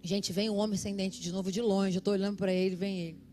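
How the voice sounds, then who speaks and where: A woman, preaching a sermon in church and telling stories in an animated way, laughing and acting out the voices in them. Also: medium pitch, fast, faint music behind. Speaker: pastor. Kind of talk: sermon with personal storytelling. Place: church service.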